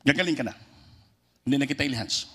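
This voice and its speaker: A man preaching a sermon with a Filipino accent, animated, jumping into loud voices when he acts out stories. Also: mid-range voice, quick pace, husky.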